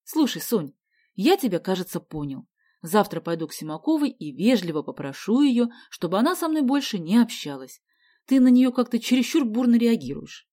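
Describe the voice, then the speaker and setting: A woman voicing a good-natured schoolboy who talks calmly and mildly. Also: on the high side, moderate pace, pitched above the performer's own voice. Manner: calm, mild, sighing.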